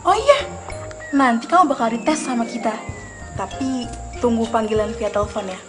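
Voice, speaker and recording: An actress playing a dismissive, businesslike office recruiter in a TV film. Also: female voice, fairly high pitch, expressive, normal speed, over music, natural voice. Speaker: office hiring staffer. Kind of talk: scripted TV film acting.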